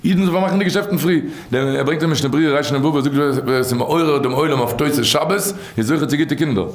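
A man telling a rabbinic tale in a rambling way, with many restarts and repeats, dropping low and then rising. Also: quick pace. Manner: rambling, many restarts and repeats, swings between low murmurs and high bursts. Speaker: storyteller. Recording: roomy echo.

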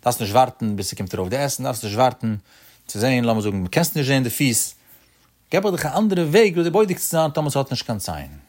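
A man delivers a religious law lesson in a middle pitch with a slightly dark tone, speaking quickly and with wide swings in pitch. His sing-song study cadence climbs on rhetorical questions and then settles back down as he explains.

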